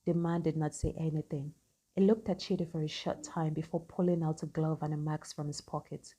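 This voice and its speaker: Low-pitched woman narrating a story. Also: fairly even intonation, a little fast, warm tone.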